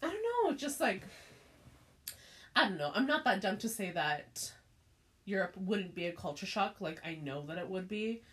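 Young woman, casual chat, laid-back, offhand swearing, mid-pitched voice. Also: animated, normal speed, long pauses.

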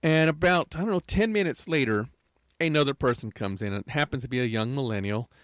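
A man's voice: medium pitch, fairly quick, no room sound. An older man telling a rambling, aggrieved story in a casual rant, often tagging his lines with "right?". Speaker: podcaster.

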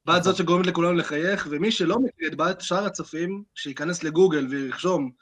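Young male podcast co-host, slightly high voice, playful joker. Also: a bit bright. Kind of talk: casual banter.

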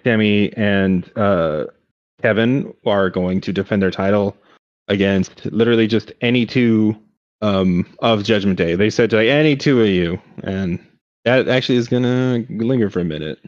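Low-ish guy podcaster hyped about wrestling, swears a lot, dry dull mic. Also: normal speed, no room sound. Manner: excited, swearing, recaps matches in detail. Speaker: podcast co-host. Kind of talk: casual chat.

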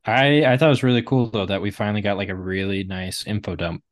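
A man's voice: fairly low pitch, fairly even intonation, fast talker, no room sound, studio quality. A man co-hosting a casual book discussion podcast, rambling with lots of "like" fillers. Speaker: podcast co-host.

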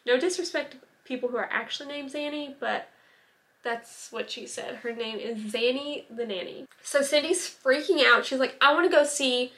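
Chatty high-voiced young woman storyteller. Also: moderate pace, fairly bright tone. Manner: chatty, many "like" fillers and asides. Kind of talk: casual true-crime storytelling.

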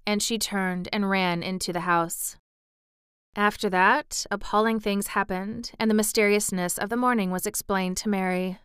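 A woman narrating a storybook aloud in an expressive way, now and then adding brief asides of her own. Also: medium pitch, clear, resonant tone, no echo, studio quality. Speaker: audiobook reader.

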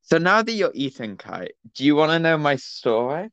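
A man's voice: on the high side, sing-song, normal speed, a bit bright, no room sound, highs cut off. A teenage man, co-hosting a casual podcast and telling a rambling anecdote with lots of fillers over an online call. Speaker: podcast co-host. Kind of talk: casual chat, storytelling.

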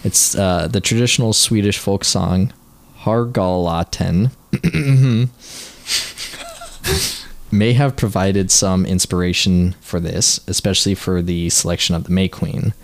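A man's voice: low-pitched, unhurried. A man co-hosting a casual chat, reading trivia notes aloud and sometimes stumbling over words. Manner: reads facts aloud, trips over words. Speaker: podcast co-host.

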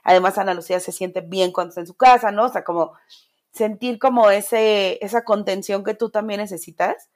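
A woman's voice: medium pitch, fairly quick. A woman with a Mexican accent in casual conversation, talking in a reassuring, friendly way. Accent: Mexican Spanish. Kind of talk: casual chat.

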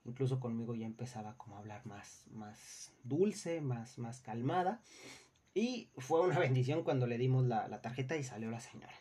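A man's voice: mid-range voice, expressive, moderate pace, dark tone. A young man with a Mexican Spanish accent, casually telling stories from his customer service job, acting out what people said and swearing freely. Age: young adult. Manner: acts out customers and coworkers in quoted voices. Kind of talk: casual storytelling monologue.

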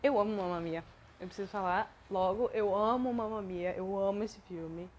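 A woman's voice: medium pitch, moderate pace, dull audio, slight background noise. A young Brazilian woman hosting a personal podcast, talking in a rambling, self-deprecating and emotional way. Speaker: podcast host.

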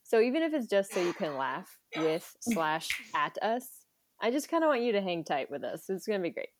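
A young adult woman hosting a podcast, telling stories in a casual, animated way with frequent laughter. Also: medium pitch, fairly quick, a little hiss or hum. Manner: animated, jokey storyteller who laughs often. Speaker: podcast host, personal trainer. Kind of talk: casual chat.

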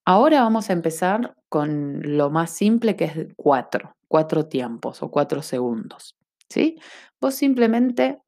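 A woman's voice: low voice, a little mellow. A woman guiding a breathing lesson as an instructor, explaining step by step and checking understanding with short questions.

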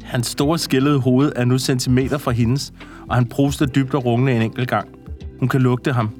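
A man's voice: medium pitch, flat delivery, darkish tone, faint music behind. A man reading a story aloud to a co-host, often breaking into laughter and adding comments. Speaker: podcast co-host.

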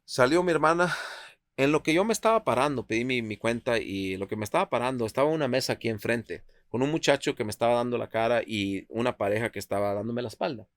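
A man's voice: mid-range voice, fast, dry recording. A man from Culiacán, telling a wild story with plenty of swearing and English thrown in. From Culiacán, Mexico. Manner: excitable, profane, switches into English. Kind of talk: animated storytelling with slang and English phrases.

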